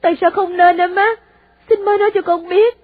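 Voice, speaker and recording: A woman's voice: very high-pitched, fairly even intonation, a little fast, dry recording, phone-quality sound, voice pushed up. A woman with a Southern Vietnamese accent voicing a heartbroken young man who tearfully questions his mother. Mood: pleading.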